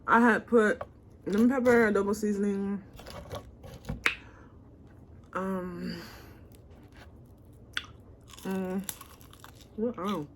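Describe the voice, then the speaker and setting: A woman's voice: medium pitch, little pitch movement, slow, pauses often, slight background noise. A woman hosting a mukbang eating show, chatting casually and murmuring with enjoyment between bites. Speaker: mukbang host.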